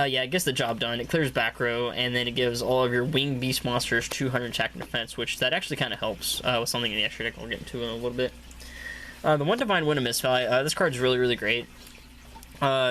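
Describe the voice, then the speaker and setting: A man's voice: mid-range voice, pushed and bright, slight background noise. A man casually walking through a card game deck, rambling with many fillers and coughing now and then. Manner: rambling, many filler uhs, repeats "really, really". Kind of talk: casual deck profile talk.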